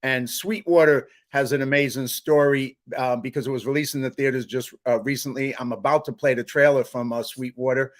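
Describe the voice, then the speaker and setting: A man's voice: medium pitch, steady tone, brisk, hardly any pauses. A man hosting an interview show, introducing clips with enthusiasm. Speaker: host.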